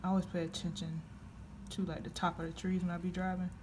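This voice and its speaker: A woman's voice: lowish voice, little pitch movement, fast, a little mellow. A woman chatting casually and informally in a rambling vlog. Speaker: vlogger; truck driver. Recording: clearly noisy handheld vlog audio.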